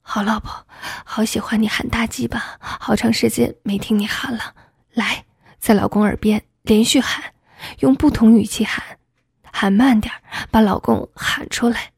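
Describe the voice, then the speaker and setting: A commanding husband urges in a hushed, insistent whispered role-play, voiced by a woman. The whisper is husky and pitched fairly high, and it sits close and dry. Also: fairly even intonation, moderate pace, dry recording, full character voice. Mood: urgent. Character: a husband, adult man, aroused and commanding.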